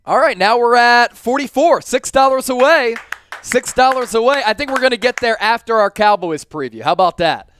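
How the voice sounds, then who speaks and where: A man's voice: very high-pitched, animated, normal speed, fairly bright tone, slight background noise. A man co-hosting a live sports fan show, chatting casually and jokily with viewers as he reads out their comments.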